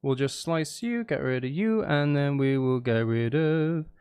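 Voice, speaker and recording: A live streamer chats casually while making music, rambling and thinking out loud as he goes. His voice is fairly high, a little mellow and smooth, at a measured pace.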